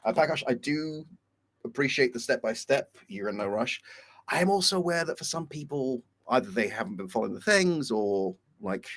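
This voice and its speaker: A man's voice: mid-range voice, expressive, normal speed, fairly bright tone. A man on a video call, talking candidly and a little rambling in a casual chat. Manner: candid, rambling, self-deprecating. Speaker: co-host.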